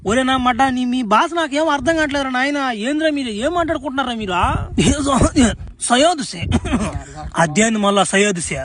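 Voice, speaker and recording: A man's voice: very high voice, racing, few pauses, a bit bright. A man. He is rowdy and teasing and swears often. It is a crude comic sketch. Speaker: comedy sketch performer.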